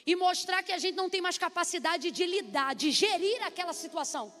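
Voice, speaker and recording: A woman preacher delivers an animated sermon and calls on the congregation to respond. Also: very high-pitched, brisk. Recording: long reverb hall, faint music.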